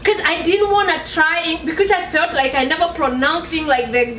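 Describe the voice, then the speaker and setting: High voiced lady w a thick kikuyu accent telling stories, a bit far from the mic, faint noise. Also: lively intonation, brisk, fairly bright tone, roomy sound. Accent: heavy Kikuyu Kenyan. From Nanyuki, Kenya. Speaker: host. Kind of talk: casual personal storytelling.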